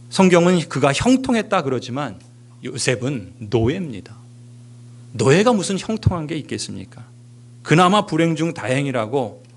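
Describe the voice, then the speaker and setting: A middle-aged man preaching a sermon as pastor in a church, stressing key words loudly and then dropping to hushed, almost whispered phrases. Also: high-pitched. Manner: emphatic, swinging between raised stresses and hushed near-whispers. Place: church sanctuary.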